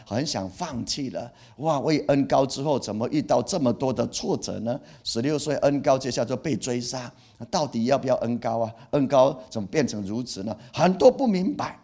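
Middle-aged guy preaching, lively, keeps repeating lines, ordinary mid voice. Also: mid-range voice. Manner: animated, repeats key phrases, acts out feelings with exclamations. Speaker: pastor. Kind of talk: sermon.

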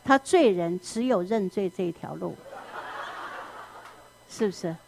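A woman preaching in an animated storytelling manner, often asking the listeners questions. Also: medium pitch, unhurried, vocal fry. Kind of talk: sermon.

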